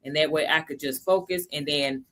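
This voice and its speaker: A woman's voice: sits low, fairly bright tone. Chatty woman hosting a crypto livestream. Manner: chatty, addresses viewers as y'all, greets chatters by name; slows down to stress key points. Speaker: livestream host teaching crypto basics. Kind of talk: casual livestream lesson.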